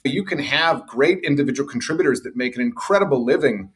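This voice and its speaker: A middle-aged sales executive, here as a revenue executive guest on a podcast, speaks in a mid-range voice that is animated and brisk. He tells confident stories from his career in an anecdotal way and mentions that he has a loud voice.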